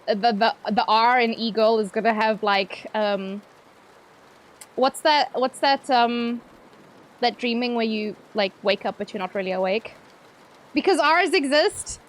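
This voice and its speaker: A woman's voice: fairly high pitch, moderate pace, rough recording. A young woman streamer chatting casually with her viewers while gaming, playful and teasing, laughing often.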